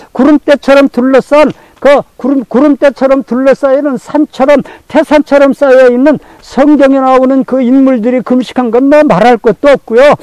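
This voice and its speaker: A male pastor preaching a sermon, repeating phrases for emphasis and telling stories in a lively, colloquial way. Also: extremely high pitch, dry recording, low-quality recording. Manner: colloquial, animated storytelling with acted-out quotes.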